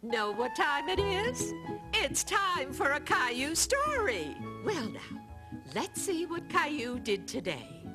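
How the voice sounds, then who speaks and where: Expressive woman narrating a kids' story. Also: sits high, slow. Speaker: narrator of a children's cartoon. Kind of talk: scripted storybook narration for children. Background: music.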